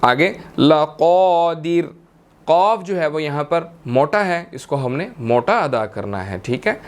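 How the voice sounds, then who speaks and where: A man teaching Quran recitation rules step by step, patiently repeating each verse slowly. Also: fairly high pitch, expressive. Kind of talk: slow step-by-step recitation lesson.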